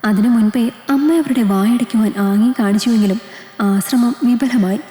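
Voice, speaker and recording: Lady narrating a love story, dark mellow voice, lots of reverb. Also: on the high side, moderate pace. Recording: echoey room, long reverb.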